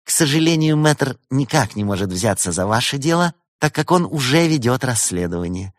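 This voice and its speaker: A man's voice: mid-range voice, animated, normal speed, dry recording, studio quality, pitched above the performer's own voice, close to an everyday voice. A man voicing a sly, falsely sweet female fox detective in an audiobook. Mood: honeyed. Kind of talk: audiobook character voice.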